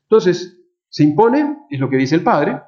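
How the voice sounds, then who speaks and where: A man lectures as a priest, his fairly high voice rising and falling widely as he stresses key words. He talks informally, restarting phrases and tossing in tag questions to the listeners. The recording is dull and lo-fi. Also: big pitch swings, a little slow, a little mellow. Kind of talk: spoken moral lecture to a congregation.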